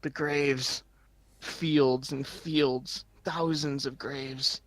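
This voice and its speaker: A man playing a grieving, guilt-ridden warrior in a tabletop game, speaking in halting, solemn phrases. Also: medium pitch, fairly even intonation. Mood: anguished. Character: grieving, guilt-ridden male warrior who lost his people. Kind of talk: tabletop role-play.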